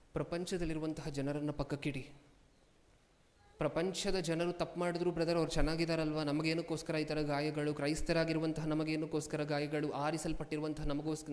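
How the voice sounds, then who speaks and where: A man preaching a sermon as a pastor, firing questions at his congregation and repeating lines for emphasis, moving between hushed asides and loud outbursts. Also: on the high side. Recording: long hall reverb.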